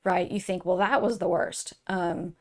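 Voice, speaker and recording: A woman giving an earnest, emotional tarot reading to her viewers, soft-spoken, with many fillers and restarts. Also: fairly low pitch, fairly even intonation, a little slow. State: tearful at times. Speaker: tarot reader. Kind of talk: intuitive tarot reading to camera.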